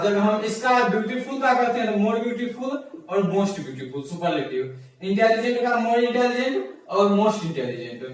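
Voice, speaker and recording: A man teaching an English grammar lesson, repeating words slowly and answering his own questions. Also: extremely high pitch. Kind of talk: classroom-style grammar lesson. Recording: echoey room, voice from far off the mic.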